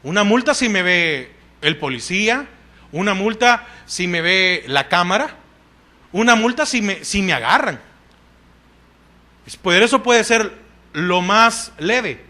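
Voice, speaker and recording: A man's voice: high voice, lively intonation, a little slow, pauses often, pushed and bright. A man with a Salvadoran Spanish accent preaching a sermon in church, asking the congregation questions and answering them with frequent "amén".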